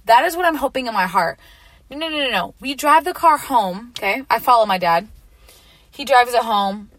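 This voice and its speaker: A young woman in her late teens telling a personal story in a chatty, animated way, full of filler words. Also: a little high, normal speed, dry recording. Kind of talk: casual storytime chat.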